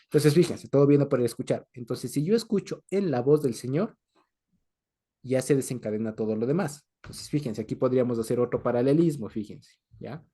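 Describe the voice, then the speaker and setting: A man's voice: mid-range voice, a little fast, warm tone, slightly rough. A man teaching a scripture study to a group, explaining each point patiently, repeating himself and often asking the listeners whether they follow. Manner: explanatory, repeats points and checks understanding with frequent questions. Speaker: Bible teacher.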